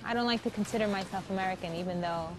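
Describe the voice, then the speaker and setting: A woman answering a street interviewer in a candid, brisk way. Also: mid-range voice, background noise.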